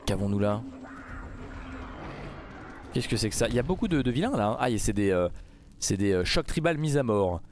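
A man giving casual let's play commentary, mumbling then bursting into loud outbursts. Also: fairly low pitch, a little fast, long pauses, background noise. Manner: excitable, swings from mumbling to outbursts. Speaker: gaming YouTuber.

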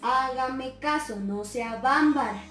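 A woman's voice: high-pitched, slow, a bit bright. Woman doing a bossy lecturing mother. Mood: scolding. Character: scolding middle-aged mother giving stern advice. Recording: roomy sound from a distant mic, faint music.

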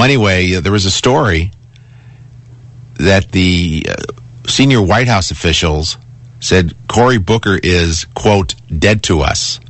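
A man with a fairly low voice talks casually as a radio host. He repeats and restarts phrases to drive points home, and the sound is close and dry, as in a studio. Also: fairly bright tone, no room sound. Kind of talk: casual talk radio monologue and caller chat. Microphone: close studio broadcast microphone.

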